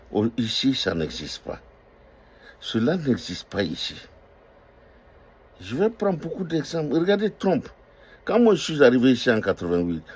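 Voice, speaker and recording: A man's voice: lowish voice, a little mellow, breathy edge. An older man who owns restaurants, giving an impassioned political monologue full of emphatic, repeated declarations and hesitant fillers. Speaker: restaurant owner speaking out on politics.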